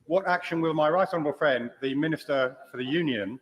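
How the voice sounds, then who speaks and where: A man's voice: fairly high pitch, quick pace. A man delivering a formal, prepared parliament speech as a member asking a question. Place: large parliamentary chamber. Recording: faint background chamber noise.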